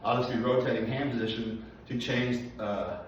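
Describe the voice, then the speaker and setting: A man in his forties speaks between sets in a gym, out of breath and working hard to enunciate each word, with plenty of fillers along the way. His voice sits at an ordinary middle pitch. It is caught from a distance by a camera set up across the room, so it sounds booming, echoey and a little muffled. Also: fairly even intonation, a little hiss or hum. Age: 40s. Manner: careful, deliberate enunciation with many fillers. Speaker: personal trainer. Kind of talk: casual workout vlog. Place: gym, indoors.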